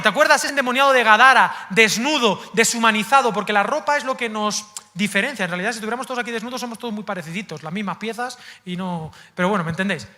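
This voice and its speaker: Very high, bright-voiced preacher from Spain. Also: male voice. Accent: Spain Spanish. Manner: animated, swings between loud emphasis and hushed asides; addresses the congregation directly and playfully. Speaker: pastor. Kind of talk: sermon.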